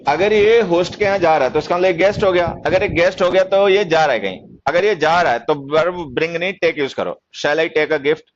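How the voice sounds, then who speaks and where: A man teaching English grammar in a classroom lecture, teasing students about their mistakes and reading example sentences slowly. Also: fairly high pitch. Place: coaching class in Delhi. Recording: dull, dry lo-fi sound.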